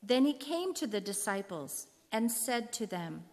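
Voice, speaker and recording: Unhurried woman narrator in a big hall. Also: medium pitch, very animated, a little mellow. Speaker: narrator in a church readers' theater. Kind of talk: scripted narration of scripture. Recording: reverberant hall.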